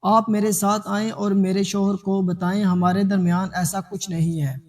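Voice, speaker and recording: A man's voice: high-pitched, level tone, a little mellow. A man voicing a desperate, heartbroken young mother who speaks in angry accusations.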